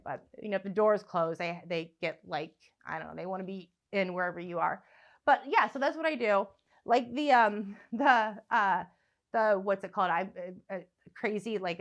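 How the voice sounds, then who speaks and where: A young woman with a medium-pitched, fairly bright voice practices her stand-up set into a phone in a room at home, ranting profanely and sardonically.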